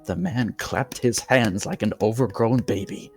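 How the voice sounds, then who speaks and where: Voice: medium pitch, measured pace, vocal fry, a little mellow, faint music behind. A narrator telling a scripted creepypasta horror story in a theatrical, dramatic manner.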